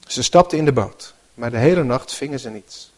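A man's voice: mid-range voice, lively intonation, a little fast. Hesitant, conversational male preacher. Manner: conversational, hesitant, with fillers and self-corrections. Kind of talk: sermon with Bible reading.

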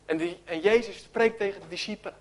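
A man preaching a sermon, telling a story with great animation and acting out its voices, sometimes dropping to a hush. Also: high voice, fast talker. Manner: animated storytelling, acts out voices, drops to near whisper.

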